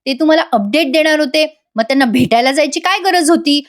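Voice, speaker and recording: A woman reading the lines of a defiant grown daughter who loudly confronts her father. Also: sits high, fast talker, voice pushed up, lightly acted. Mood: confronting. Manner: loud and confronting.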